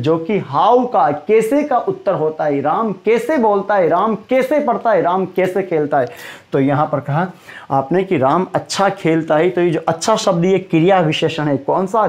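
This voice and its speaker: A man teaching a Hindi grammar lesson, quizzing his students and slowly repeating the key terms for emphasis. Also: sits high, a little mellow.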